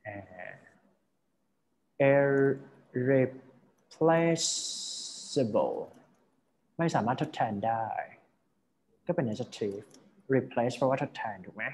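Man, teacher, vocabulary lesson, unhurried, middle pitch, checks understanding. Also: darkish tone. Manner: explains word by word, often checks understanding.

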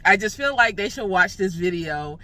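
A woman's voice: medium pitch, expressive, normal speed, sharp tone, slight background noise. A young woman ranting casually in a vlog from her car, her speech slurred from a numb, swollen mouth after dental work, laughing at herself and swearing freely. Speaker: vlogger.

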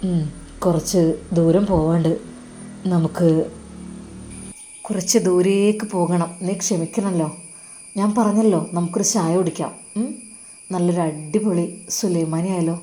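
A loving young husband, as a woman storyteller voices him, soft and coaxing. His words come low and quiet, full of remorse, with none of the wife's high pitch. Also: fairly even intonation, measured pace, pauses often, slight background noise, close to an everyday voice.

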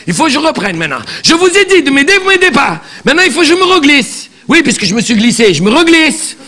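A man's voice: very high voice, big pitch swings, fast talker, sharp tone, heavily acted. A man playing a chatty, bossy elderly grandmother on stage, repeating words and scolding the audience. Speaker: comic stage character. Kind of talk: live stand-up character comedy. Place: theatre stage.

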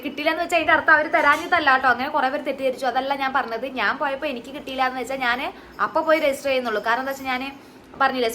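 A young woman talks quickly and emotionally into her phone camera, chatting straight to her viewers. Her voice sits a little high. Faint background ambience comes through the recording. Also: pushed and bright, slight background noise, rough recording. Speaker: vlogger and mother. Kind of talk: casual vlog chat.

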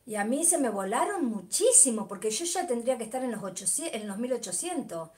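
A woman's voice: on the high side, sing-song, brisk, a little mellow. A middle-aged woman with an Argentine Spanish accent, chatting casually on a livestream, greeting viewers by name and talking animatedly about football. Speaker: livestream host. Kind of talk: casual live chat reading comments.

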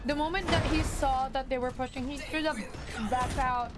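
High-voiced woman esports caster. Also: moderate pace, over loud music. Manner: excitable, gasping reactions. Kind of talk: casual esports commentary.

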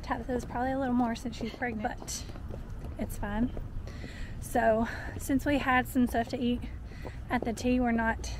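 A chatty, upbeat young woman with a fairly high voice talks to a camera held at arm's length as she walks. She is outdoors in a city, and there is clear street noise behind her. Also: fairly even intonation, moderate pace. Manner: chatty, upbeat, talking to camera while walking. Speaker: vlogger. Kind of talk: casual vlog chat. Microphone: handheld camera at arm's length.

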